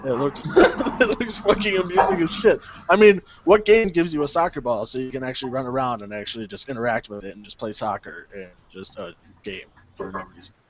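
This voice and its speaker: A man's voice: medium pitch, a little fast, hardly any pauses. A man chatting casually on a podcast, swearing and laughing as he rambles. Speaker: podcast co-host. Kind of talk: casual chat. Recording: dull lo-fi sound.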